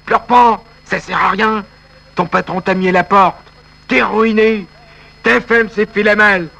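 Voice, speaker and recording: A man's voice: high-pitched, steady tone, measured pace, creaky, pushed and bright, full character voice, low-quality recording. A man voicing a tactless fellow who mocks and fusses over a weeping friend in a comic sketch. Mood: blunt. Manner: bossy, mocking, fussing.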